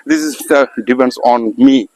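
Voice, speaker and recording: A man's voice: medium pitch, moderate pace, darkish tone, no room sound, poor audio. A man, teaching pronunciation in an informal spoken lesson, hesitating often with many fillers and restarts. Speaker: English teacher.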